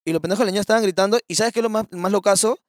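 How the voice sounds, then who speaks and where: Young Peruvian man, casual storyteller, high and quick, slangy and animated, dry close sound. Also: no echo. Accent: Peruvian Spanish. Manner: slangy, animated storyteller acting out quoted voices.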